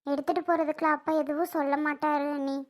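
A performer playing a young wife who keeps apologizing and calming her angry sister-in-law in a family drama skit. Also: high-pitched, fast talker, close to an everyday voice. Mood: pleading. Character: pleading young woman, soothing daughter-in-law.

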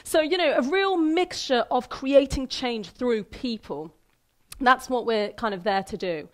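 High-pitched woman in her thirties, keynote speaker, chatty and lively, quizzing the audience from the stage. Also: unhurried. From Iran, raised in Sweden. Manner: lively, conversational, asks the audience questions. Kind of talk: motivational talk. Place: theater stage with a large audience hall. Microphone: headset mic.

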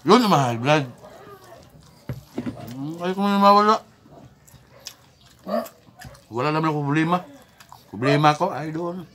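A man's voice: fairly high pitch, a little slow, long pauses, fairly bright tone, a little hiss or hum. A man, a mukbang vlogger rambling and joking in casual chat while chewing with his mouth full. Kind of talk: casual eating vlog chat.

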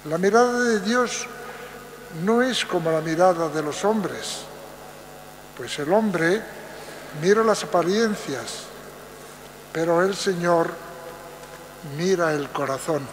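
An older man reading a Bible passage aloud from a church lectern, very slow and measured. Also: high voice. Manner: very slow, measured, deliberate phrasing. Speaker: lay reader. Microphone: lectern mic. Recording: roomy church echo, long reverb, faint mains hum.

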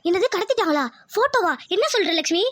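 A woman's voice: very high-pitched, lively intonation, fast, a bit bright, no room sound, clean studio sound. A woman voicing a worried elder sister-in-law in a cartoon, exclaiming in alarm. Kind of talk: cartoon voice acting.

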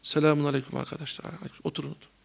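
A man voicing a gaunt, always-gloomy old male teacher who speaks softly, tut-tutting and sighing in disapproval. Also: fairly high pitch, little pitch movement, very fast, vocal fry. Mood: gloomy, disapproving.

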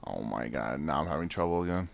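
A man's voice: a bass voice, lively intonation, fast talker, gravelly, a little hiss or hum. A man chatting casually while playing a co-op game, often exclaiming and laughing. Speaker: gamer. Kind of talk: casual co-op gameplay chat.

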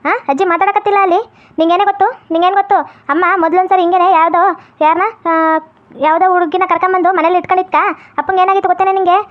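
A woman voicing a deaf, cranky old grandmother who scolds fast and holds to strict customs, in a comedy skit. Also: fairly even intonation. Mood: scolding. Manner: scolding, shrill and quick. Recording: tinny phone-like sound.

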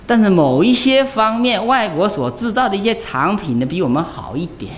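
A man's voice: high voice, big pitch swings, moderate pace, slight background noise. A man, a Buddhist monk, giving a conversational dharma lecture, talking in a chatty way and often tossing rhetorical questions to his listeners.

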